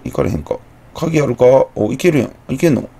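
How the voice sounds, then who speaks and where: A man's voice: medium pitch, sing-song, a little fast, creaky, mellow, slightly rough. A young man with a Kansai accent, chatting through a horror game, muttering to himself with jumpy exclamations. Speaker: gameplay commentator. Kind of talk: horror game let's play commentary.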